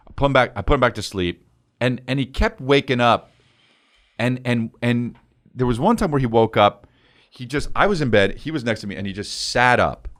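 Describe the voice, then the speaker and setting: A man's voice: medium pitch, expressive, normal speed, fairly bright tone. A man in his forties telling a story in casual chat, acting out voices and swearing, calling people "bro". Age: 40s. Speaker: podcast co-host.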